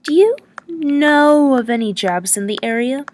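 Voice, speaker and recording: A woman's voice: high voice, animated, measured pace, a little hiss or hum, pitched above the performer's own voice. A woman reading the lines of a young woman traveler who answers briefly and hesitantly.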